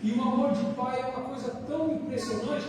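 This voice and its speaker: A Brazilian man preaching a sermon, telling a personal story in an earnest, animated way with changing volume. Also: very high-pitched, fairly quick, a crowd in the background. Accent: Brazilian Portuguese. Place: church hall. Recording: echoey church hall, mic far off, faint noise.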